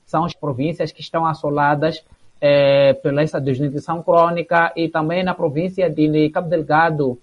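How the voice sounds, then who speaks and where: Speaking at a moderate pace, a man from a theatre association responds to an interview with hesitation and plenty of fillers. His voice is slightly high and his delivery flat, captured in dull lo-fi broadcast sound.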